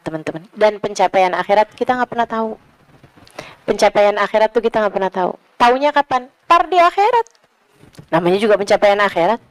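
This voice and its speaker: A woman preacher delivering an Islamic sermon, telling stories with acted voices and dropping to hushed, earnest tones. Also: mid-range voice, no room sound, poor audio. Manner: lively storytelling, acts out voices in quotes, drops to hushed tones.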